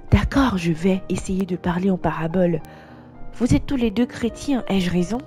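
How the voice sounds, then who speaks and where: A woman voicing a male church pastor who gravely admonishes a couple, in an animated story. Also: sits high, normal speed, faint music behind, close to an everyday voice. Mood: solemn. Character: stern but merciful male church pastor.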